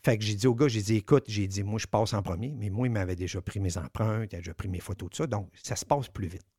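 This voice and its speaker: A man with a Quebec French accent telling a story on the radio, animated, swearing and acting out the dialogue. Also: on the low side, fast talker, husky, no room sound, studio quality.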